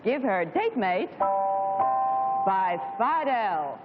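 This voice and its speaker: A woman's voice: mid-range voice, big pitch swings, drawn-out words, muffled recording, over loud music. A woman presenting a scripted live commercial on 1950s television. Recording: thin, hissy 1950s television broadcast.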